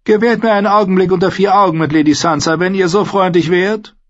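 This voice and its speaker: A man voicing a courteous, rueful nobleman in an audiobook, formal and measured in his speech. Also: high voice, muffled recording, voice pushed up, lightly acted. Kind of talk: audiobook character voice.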